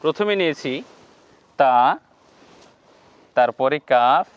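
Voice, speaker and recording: A man with a Bangladeshi Bengali accent teaching a slow, step-by-step Quran reading lesson, repeating each sound and speaking directly to viewers. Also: medium pitch, expressive, smooth, muffled recording.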